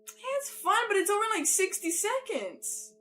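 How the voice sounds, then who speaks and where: A woman's voice: very high-pitched, very animated, normal speed, fairly bright tone, faint music behind. A woman co-hosting a casual podcast chat, teasing, swearing freely and exclaiming often. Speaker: podcast co-host.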